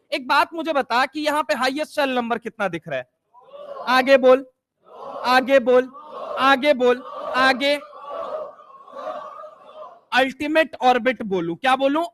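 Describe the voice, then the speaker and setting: A young man teaching chemistry in a lively classroom lecture, firing repeated questions and teasing his students. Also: very high-pitched. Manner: repetitive call-and-response questioning.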